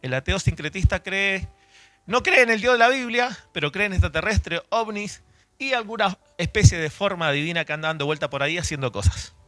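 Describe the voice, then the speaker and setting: A man's voice: sits high, brisk, fairly bright tone, no room sound. A man in his forties from Chile, raised in Argentina, gives a conversational doctrinal teaching at church and restarts and corrects himself as he talks. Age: 40s. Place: church hall.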